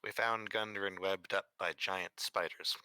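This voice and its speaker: A man role-playing as a player in a tabletop game, measured and serious. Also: deep voice, fairly even intonation, sharp tone, clean tone, no echo. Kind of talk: in-character tabletop role-play.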